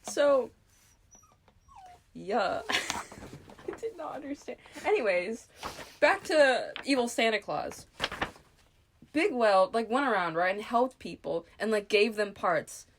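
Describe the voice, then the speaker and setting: A woman's voice: medium pitch, expressive, takes it slowly, long pauses, noisy background. A young American woman, bilingual in Spanish and English, co-hosting a casual podcast with a rambling, playful way of talking. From United States. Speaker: podcast co-host. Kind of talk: casual chat.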